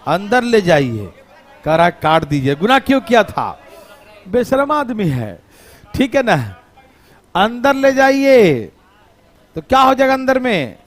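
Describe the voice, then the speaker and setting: Male teacher, high voice, teasing classroom manner. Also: wildly swooping pitch, takes it slowly, pauses often. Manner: playful, teasing, scolds students. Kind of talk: live classroom math lesson.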